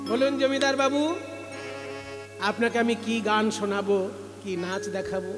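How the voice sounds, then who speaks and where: A man voicing a flattering female courtesan dancer in a sung devotional storytelling performance, speaking softly and coaxingly. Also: high voice, measured pace, in a large hall, loud music behind the voice.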